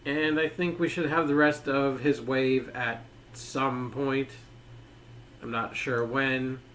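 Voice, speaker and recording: A man's voice: mid-range voice, flat delivery, takes it slowly, fairly bright tone, slight background noise. A man giving a casual toy review, rambling and leaning on filler words.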